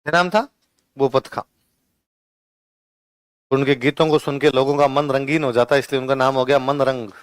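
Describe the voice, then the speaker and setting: A male teacher giving an exam-prep lecture with a Rajasthani Hindi accent. He keeps asking questions and answering them himself, and he dictates notes slowly, saying each line more than once. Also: mid-range voice, fairly even intonation, clean tone, no echo.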